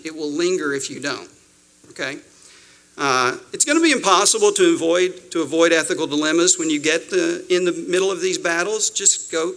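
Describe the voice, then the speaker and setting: A man's voice: fairly high pitch, pushed and bright, rough recording. A middle-aged male attorney giving a conversational advice talk to young lawyers, emphatic with wry asides.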